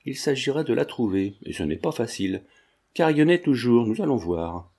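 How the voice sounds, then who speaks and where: A man reading the part of a sly old man who pretends to be deaf and talks in a lowered, scheming way. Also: big pitch swings, moderate pace, mellow, husky. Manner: lowered, conspiratorial speech.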